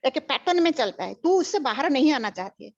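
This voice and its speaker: Older lady giving a spiritual lesson, high voice, pushy and repeats herself, muffled lo-fi sound. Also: big pitch swings, fairly quick, no room sound. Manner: emphatic, repetitive, mixes English into Hindi. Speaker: spiritual teacher. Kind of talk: spiritual teaching talk. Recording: dull lo-fi recording.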